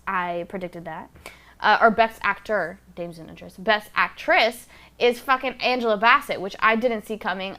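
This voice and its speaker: Swearing without restraint, a woman talks openly and bluntly on her casual solo podcast, right up on a close microphone. Her voice is mid-range and fairly bright.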